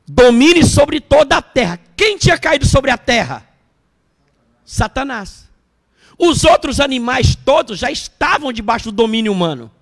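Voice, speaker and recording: High, gravelly preacher man. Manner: animated storytelling, questions the congregation. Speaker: bishop preaching. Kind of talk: sermon. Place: church service.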